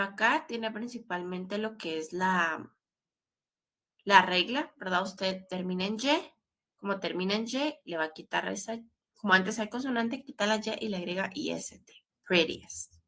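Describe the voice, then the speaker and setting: A woman's voice: mid-range voice, measured pace, a bit bright. A woman teaching English grammar in a recorded class. She explains step by step and often adds a questioning tag.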